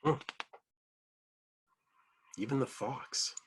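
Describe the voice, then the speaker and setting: A man with a medium-pitched voice reads a picture book aloud to children, drawing out his words expressively and adding simple explanatory asides. A little hiss or hum is audible in the recording.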